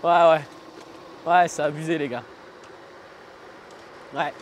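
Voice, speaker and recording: A man's voice: fairly high pitch, steady tone, slow, slight background noise, rough recording. A man giving casual, slangy vlog commentary, thinking aloud while riding outdoors. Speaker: vlogger reviewing an electric scooter. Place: outdoors, riding on city roads.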